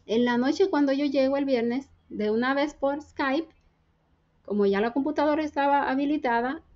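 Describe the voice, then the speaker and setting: High-voiced Dominican woman telling testimony. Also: a little mellow, dull audio. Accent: Dominican Spanish. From Dominican Republic. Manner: earnest storytelling, acting out quoted dialogue. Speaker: guest giving testimony. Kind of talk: personal faith testimony.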